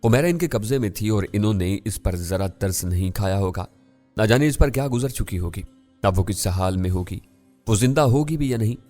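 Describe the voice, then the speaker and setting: A man narrating a first-person thriller audiobook in a steady, measured way. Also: on the low side. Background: faint music.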